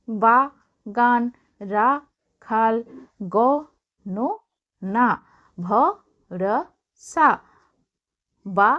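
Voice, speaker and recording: A woman teacher from Bengal, slowly spelling out words letter by letter for young children and adding encouraging remarks. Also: a little high, highs cut off. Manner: slow, drawn-out letter-by-letter spelling with encouraging asides.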